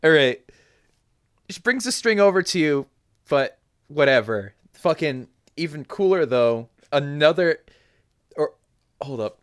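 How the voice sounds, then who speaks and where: A man's voice: fairly high pitch, lively intonation, a little slow, long pauses, clear, resonant tone. A young man running a tabletop game as game master, laughing often and swearing casually.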